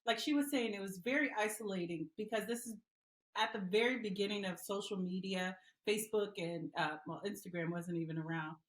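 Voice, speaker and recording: Earnest woman from Liberia, echoey room. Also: mid-range voice. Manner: earnest, with many "um" pauses. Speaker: guest, mother and advocate. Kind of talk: interview answers.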